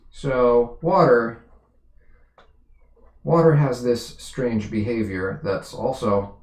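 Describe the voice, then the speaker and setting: A man's voice: mid-range voice, reverberant. A man tutoring physics on a live stream, explaining patiently, repeating himself and correcting his own slips as he goes.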